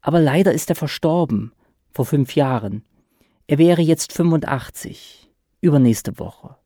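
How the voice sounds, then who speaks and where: A man's voice: a little high, lively intonation, unhurried, mellow, dry recording, clean studio sound, pitched above the performer's own voice. A man reading a story aloud, voicing a shy but chatty, cheerful stranger in his mid-forties who speaks with eager politeness. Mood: politely eager.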